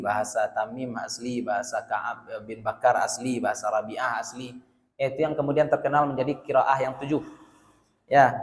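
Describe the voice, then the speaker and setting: A man from West Sumatra with a Minangkabau accent gives a lively religious lecture to a live audience. He quizzes the listeners and slips into his local dialect for jokes. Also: on the high side. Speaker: religious teacher. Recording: long reverb of a large hall.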